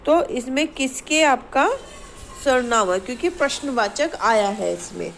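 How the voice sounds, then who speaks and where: A woman teacher explaining a grammar exercise to schoolchildren, asking the class questions and reading example sentences slowly. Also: sits high, animated, gravelly, slight background noise, poor audio. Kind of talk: Hindi grammar lesson to schoolchildren.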